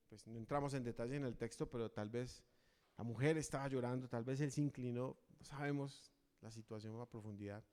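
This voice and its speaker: A man preaches in a church, his voice ringing out with a long reverb trailing after each phrase. He speaks at a mid pitch and keeps turning to rhetorical questions, earnest and direct. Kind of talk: sermon.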